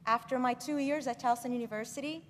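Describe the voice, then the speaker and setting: A young woman delivers a graduation speech from a podium, earnest and measured, pressing on important words. Her voice sits a little high, and it rings through a large hall with a long reverb. A faint wash of room noise lies underneath. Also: steady tone. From Brazil. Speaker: graduate speaker. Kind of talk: commencement speech.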